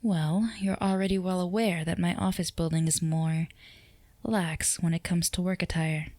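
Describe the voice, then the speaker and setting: In an intimate roleplay ASMR drama, a woman plays a flirtatious, confident female boss, teasing and commanding in a soft murmur that slides into whispers. Her natural voice is on the low side, steady and at normal speed, with no room sound. She seems pleased and composed.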